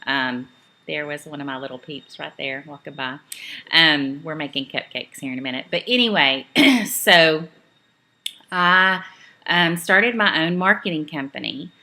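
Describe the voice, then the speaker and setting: This direct sales trainer, a middle-aged Southern woman from Eastern Tennessee, has a deep, sharp-toned voice and talks a little slowly. Her home training video is cheerful and chatty, sprinkled with "um"s and self-corrections.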